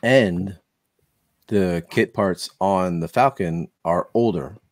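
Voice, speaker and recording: A man's voice: sits low, slow, dry recording. A man hosting a casual online hobby show, chatting with enthusiasm and frequent restarts. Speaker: podcast host. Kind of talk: casual chat.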